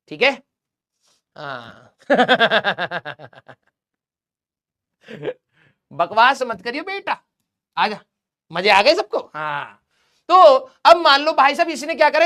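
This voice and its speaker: His voice is very high-pitched, pushed and bright as this male physics teacher jokes through a lecture. While drawing, he roasts the students in his classroom. The tone is teasing all the way.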